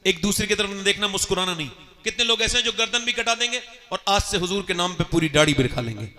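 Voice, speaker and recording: A man preaching at full passion, his voice pitched high. The tone is bright and forceful and cuts through, and it swells into shouts and then melts into chanted, singing phrases. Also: expressive, quick pace. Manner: impassioned, shouting, breaking into chanted lines, acting out voices in stories. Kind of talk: fiery sermon with sung passages.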